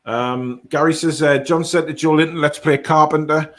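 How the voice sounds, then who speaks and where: On a football fan live stream, a man hosts a casual chat, reading viewer comments aloud and answering them bluntly and matter-of-factly. His voice sits on the high side, with a steady, fairly bright tone and a moderate pace.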